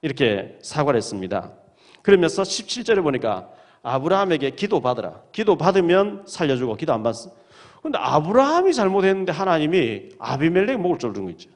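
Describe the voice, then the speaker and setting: A man preaching in a church, his fairly high voice rising and falling with lively swings. He reads the verses aloud and retells the stories with plenty of drama. Sermon delivery with an audience in mind. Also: fairly quick. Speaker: pastor. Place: church sanctuary.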